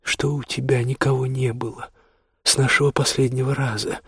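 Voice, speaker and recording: A shy, curious woman lover speaks softly and hesitantly, as a male reader puts her on. Her voice is husky and a touch higher than his own, close and dry with no room sound. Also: level tone, moderate pace, dry recording. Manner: soft, hesitant questioning. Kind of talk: audiobook dialogue.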